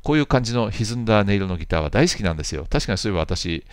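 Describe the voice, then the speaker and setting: A man's voice: fairly low pitch, sing-song, very fast, clear, resonant tone, dry recording. A man in his fifties, host of a jazz channel, reading out viewer comments and answering them in a rambling, chatty way with playful asides.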